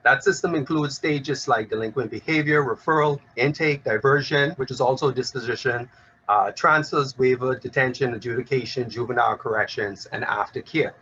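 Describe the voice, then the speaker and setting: A man in his thirties, a child rights lawyer giving an earnest, measured prepared speech and stressing key words. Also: medium pitch, bright, forceful tone. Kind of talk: prepared speech at a law event. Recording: slightly dull recording with faint background noise.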